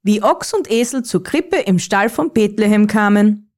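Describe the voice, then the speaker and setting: A woman narrating a Christmas children's story in a calm, even reading voice. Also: medium pitch, moderate pace.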